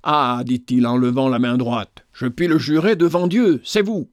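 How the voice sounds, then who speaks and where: A man's voice: mid-range voice, normal speed, dry recording, studio quality, lightly acted. A man voicing an agitated, vengeful male sergeant who talks vehemently in a storybook reading. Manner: excited, vehement.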